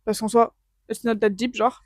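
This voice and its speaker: A young woman tells embarrassing stories on a podcast in an expressive, chatty way. Her voice sits a little high, and the sound is dry and close to the mic. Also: normal speed, no room sound. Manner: expressive storyteller, quotes people in her stories. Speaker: podcast co-host. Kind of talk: casual chat.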